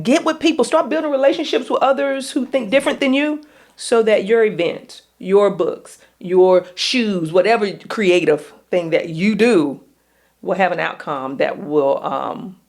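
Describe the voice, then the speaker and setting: A woman's voice: mid-range voice, unhurried, darkish tone. A woman coach hosting a casual talk, urging listeners on in an upbeat, exhorting way. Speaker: coach and podcast host. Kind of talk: casual encouraging chat.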